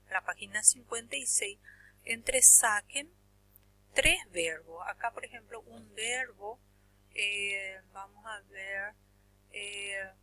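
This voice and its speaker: A woman's voice: medium pitch, sharp tone, no room sound. A woman from Paraguay, teaching a language class and patiently explaining grammar step by step while checking that the students understand. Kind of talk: Guarani grammar lesson.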